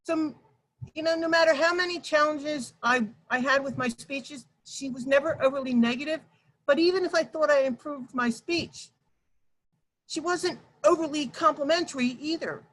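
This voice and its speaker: Presenting an online workshop over a video call, a woman with a high voice talks loudly and emphatically at a moderate pace, addressing her audience directly. The audio is poor, with slight background noise.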